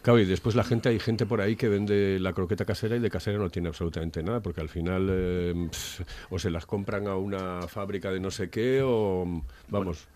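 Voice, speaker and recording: A man's voice: low-pitched, fairly even intonation, fairly quick, hardly any pauses, a little mellow. A man hosting a casual radio chat, hesitant with many fillers. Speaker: radio host.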